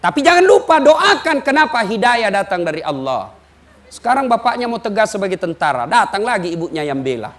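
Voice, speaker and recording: Makassar-accented guy preaching, high voice, animated, jokes around, acts out bits of dialogue. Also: brisk. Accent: Makassar Indonesian. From Sulawesi, Indonesia. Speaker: Islamic preacher. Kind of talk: humorous sermon.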